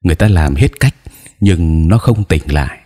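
A man's voice: low-pitched, expressive, normal speed, warm tone. A man voicing a sad village uncle who steadily explains what happened. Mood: sorrowful. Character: sad village uncle telling bad news.

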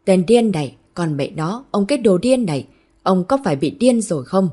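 A furious mother shouting at full force, indignant and protective, as a woman narrator plays her. The voice is low and husky. Its tone is mellow rather than bright. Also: expressive, normal speed.

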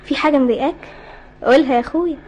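A woman's voice: high-pitched, very fast, a little mellow, dull audio, close to an everyday voice. An actress with an Egyptian accent playing a loving, worried sister coaxing her brother in a radio drama. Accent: Egyptian Arabic. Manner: coaxing, concerned.

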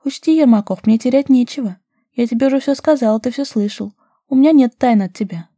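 A bold young woman teasing and pressing her lover, as a female narrator puts her on, her voice very dark and mellow with a husky edge. Close and dry, no room around it, read like an audiobook. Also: on the high side, fairly quick, no echo, voice pushed up, lightly acted.

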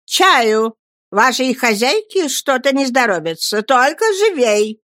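A woman's voice: mid-range voice, sing-song, dry recording, clean studio sound. A woman voicing a brusque, domineering elderly aunt in an audiobook, curt and emphatic. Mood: stern. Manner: commanding, curt, slow and emphatic. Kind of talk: audiobook character voice.

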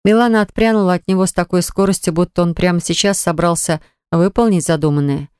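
A woman narrating a romance novel in a measured, expressive reading style. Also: on the low side, clear, resonant tone, no room sound, clean studio sound. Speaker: audiobook narrator.

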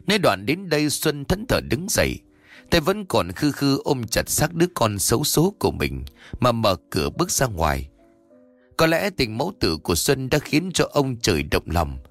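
A man narrating a ghost story in a lively, expressive storytelling manner. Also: medium pitch, normal speed, dry recording, soft background music.

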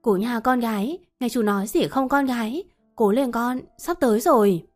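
A woman's voice: fairly high pitch, normal speed, faint music behind, close to an everyday voice. A woman voicing a protective, commanding middle-aged uncle in a storybook reading, urging and encouraging. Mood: urgent.

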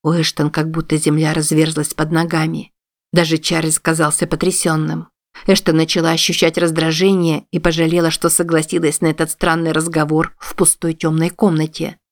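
Woman narrating an audiobook, low voice. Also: flat delivery, moderate pace, no echo, clean studio sound. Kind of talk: scripted narration.

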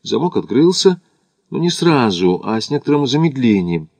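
A man narrating an audiobook in a measured literary reading. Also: medium pitch, sing-song, vocal fry, a little mellow, no echo.

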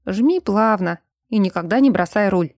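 A woman voicing a calm, confident young man who speaks like a patient instructor. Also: medium pitch, moderate pace, no room sound, studio quality.

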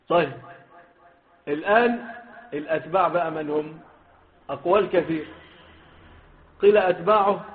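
A man with an Egyptian Arabic accent teaching a hadith lesson, stressing the quoted wordings and putting questions to his students. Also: a little high. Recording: phone-like lo-fi recording.

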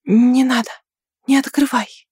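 A woman reading an audiobook and voicing a bold young woman who defends her friend with sharp, threatening words. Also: sits high, fairly even intonation, a little slow, breathy edge, no echo, studio quality, full character voice. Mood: hushed. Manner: sharp, threatening, then coaxing.

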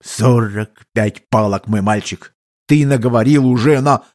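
A mustached army captain drawls his words and barks commands with slow weight, as a male reader puts him on. He sounds stern and in charge, a storybook soldier. The pitch sits mid-range. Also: darkish tone, close to an everyday voice. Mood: stern, mocking. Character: mustached army captain, stern but amused, older man.

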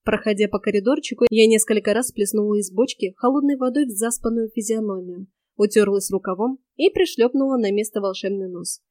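A young woman reading a first-person story aloud, with a wry, lively delivery of the dialogue. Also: mid-range voice, fairly quick, hardly any pauses, dry recording, clean studio sound. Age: young adult. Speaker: audiobook narrator.

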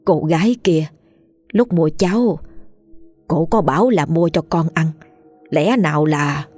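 Woman playing a fearful old peasant wife, stammering, quick-witted, storybook ghost tale. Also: low-pitched, animated, a little mellow, no echo, faint music behind. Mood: worried. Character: anxious old peasant wife, sharper than her husband.

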